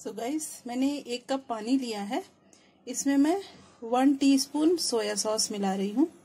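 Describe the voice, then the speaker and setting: On the high side and mellow, a woman speaks a little slowly as she walks viewers of her recipe channel through each cooking step, using some English words. The recording is rough, with clear sizzling and stirring behind her.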